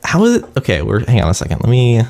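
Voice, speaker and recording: A man's voice: medium pitch, huge pitch swings, fast talker, gravelly, darkish tone. A man hosting a casual group stream and running his own audio tests, flustered and joking. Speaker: stream host. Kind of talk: casual chat with friends.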